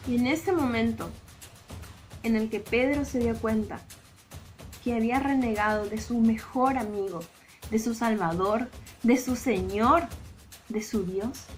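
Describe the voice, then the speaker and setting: A woman with a Rioplatense Spanish accent, a Sunday school teacher telling a Bible story to children in an expressive, dramatic way. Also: a little high.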